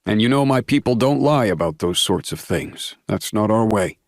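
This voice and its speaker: A man's voice: on the low side, animated, moderate pace, no room sound, clean studio sound, pitched above the performer's own voice. A man voicing a jovial, doting older werewolf pack leader in an audiobook, effusive and fond. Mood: earnest. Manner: warm, delighted, effusive. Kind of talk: audiobook character voice.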